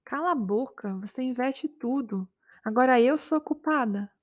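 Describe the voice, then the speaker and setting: A fed-up young girlfriend in a spoken story, voiced by a woman reading it. She scolds firmly and plainly, in a dry, close voice pitched a little high. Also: moderate pace, no echo. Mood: reproachful. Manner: firm, reproachful.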